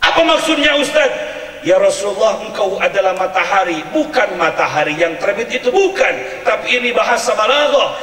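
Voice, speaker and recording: A man preaching a sermon at a community religious gathering, speaking in an animated, humorous way and chanting verses in a sing-song tone. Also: high voice, a little fast, hardly any pauses. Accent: Indonesian. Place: community event hall or tent. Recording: echoey hall, distant mic.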